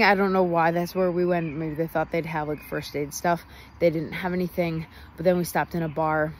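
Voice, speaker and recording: A young woman talks through her day in a loose, rambling travel-vlog recap with a slightly low voice. She laughs easily. Faint road noise hums behind her phone recording. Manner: chatty, rambling, laughs often. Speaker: travel vlogger. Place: outdoors near a highway.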